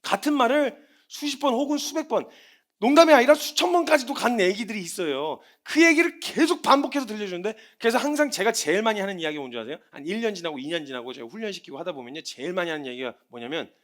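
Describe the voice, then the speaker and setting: Lively, quick-talking male preacher. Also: sits high. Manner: animated, acts out everyday scenes. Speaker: missionary preacher. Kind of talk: sermon.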